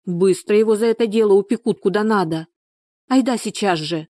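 A woman doing a brisk, caring village friend. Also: medium pitch, mellow, dry recording, voice pushed up, natural voice. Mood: concerned, coaxing.

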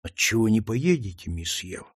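A man playing a low, sorrowful gentle servant. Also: big pitch swings, moderate pace, slightly rough, no echo, studio quality. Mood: sad. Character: kind, sorrowful grown man.

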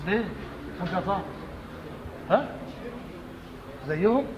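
A man's voice: high-pitched, animated, measured pace, muffled recording. A man with an Egyptian accent teaching a class, repeating his points and quizzing his students. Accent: Egyptian Arabic. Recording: roomy reverberant hall, faint noise.

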